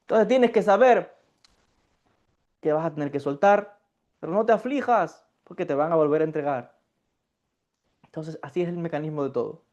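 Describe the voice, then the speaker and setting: A man giving a Kabbalah lecture, talking in an animated way, acting out sighs and mock crying and repeating his phrases for emphasis. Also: high voice, dull audio. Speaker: Kabbalah teacher.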